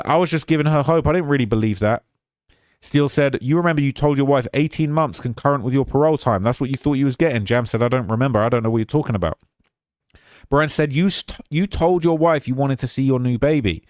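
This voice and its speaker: A man's voice: quick pace, dry recording, clean studio sound. Man reading out courtroom notes. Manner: relays quotes in a rising, emphatic tone, asides dropped low and quiet. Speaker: commentator recapping courtroom testimony. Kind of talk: reading handwritten notes of a court exchange aloud.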